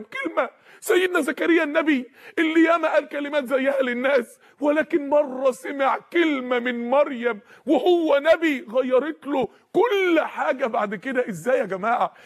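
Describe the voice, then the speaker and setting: A male preacher with an Egyptian Arabic accent delivering a sermon, impassioned, shouting and breaking into tears. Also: extremely high pitch.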